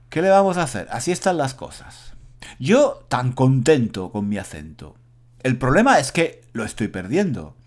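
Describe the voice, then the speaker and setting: A man in his fifties from Granada, a Spanish teacher giving a slow, clear monologue for learners, stopping to name grammar points as he speaks. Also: fairly high pitch, darkish tone. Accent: standard Spanish, faint Andalusian trace. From Granada, Spain. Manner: clear, deliberate, names grammar points aloud.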